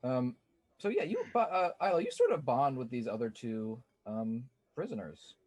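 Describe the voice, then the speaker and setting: Husky guy gm narrating, lots of ums, lively pitch. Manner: loose, halting narration with fillers. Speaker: game master. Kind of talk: narrating a tabletop game.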